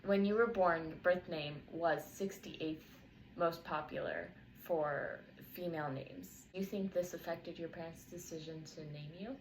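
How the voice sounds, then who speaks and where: A young woman with a fairly low voice conducts a student interview. She reads her prepared questions and explanations carefully, as if working from notes, with a faint hiss behind her. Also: steady tone, measured pace, poor audio.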